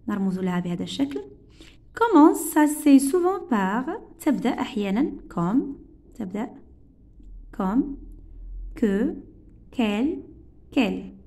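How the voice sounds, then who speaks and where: A woman teacher explaining grammar, reading example sentences slowly and translating them quickly. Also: a little high, warm tone. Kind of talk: grammar lesson, French with Arabic explanations.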